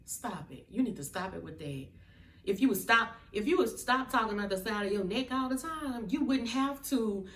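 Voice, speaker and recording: A woman's voice: fairly high pitch, animated, normal speed, a bit bright, far from the mic, slight background noise. A woman giving a sassy, blunt, emphatic casual review of a reality TV episode. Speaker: reality TV recapper. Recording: echoey room, off-mic.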